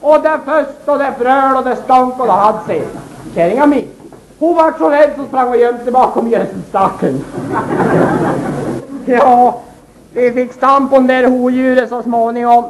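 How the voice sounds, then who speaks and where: A man doing a high-voiced old country farmer. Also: slight background noise, low-quality recording. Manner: folksy, addresses listeners as "gubbar" and tells a rambling yarn. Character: old rustic farmer man, boastful and bewildered. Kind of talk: comic character monologue.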